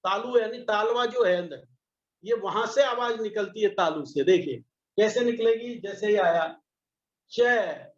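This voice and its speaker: A man teaching a patient pronunciation lesson, sounding out each syllable slowly. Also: sits high. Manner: slow, patient, demonstrates each sound aloud. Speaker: Sanskrit teacher. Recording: echoey, slightly dull recording.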